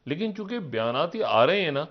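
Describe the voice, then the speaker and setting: A man giving political analysis on a live TV talk show. He rambles, poses rhetorical questions, and swings from low murmurs up to raised, emphatic peaks. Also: sing-song, fairly quick, muffled recording. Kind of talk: live TV current-affairs commentary.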